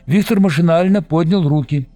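A man narrating a novel as an audiobook with expressive storytelling. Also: on the high side, normal speed, soft background music.

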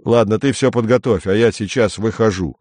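A man's voice: lowish voice, brisk, a little mellow, dry recording, natural voice. A man voicing a gloomy, irritable man who speaks tersely and grimly in a dry recording. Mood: tense. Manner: terse, grim.

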